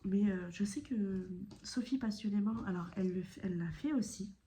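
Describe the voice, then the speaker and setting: A woman chatting casually about her cross-stitch work, her voice mellow and unhurried. She rambles with fillers and self-corrections, and now and then drops to a soft whisper. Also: mid-range voice, slight background noise. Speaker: cross-stitch video creator. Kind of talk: casual chat showing stitching projects.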